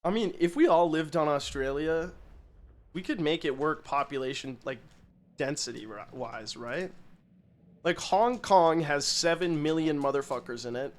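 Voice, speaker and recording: A man streaming from home, chatting casually and jokingly while gaming, rambling between topics and breaking into loud bursts when reading donations. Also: a little high, lively intonation. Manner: joking, rambling, quick to laugh.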